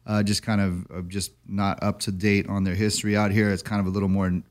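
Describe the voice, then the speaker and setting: Easygoing low-voiced radio host man. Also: flat delivery, quick pace. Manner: easygoing, enthusiastic, respectful. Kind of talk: casual radio interview.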